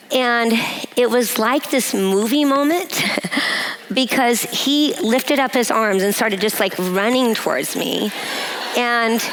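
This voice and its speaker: A woman giving a personal testimony at a women's breakfast, telling a story in a measured way and laughing often. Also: fairly high pitch, fairly bright tone, slight background noise, rough recording. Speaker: guest speaker. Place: event hall.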